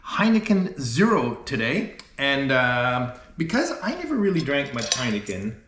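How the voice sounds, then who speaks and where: A man's voice: medium pitch, wildly swooping pitch, unhurried, a bit bright, a little hiss or hum. A man hosting a casual vlog in a chatty, rambling way, in an empty apartment that echoes like a stairwell. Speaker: vlog host. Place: almost empty apartment, indoors. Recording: echoey bare room, like an echoing stairwell.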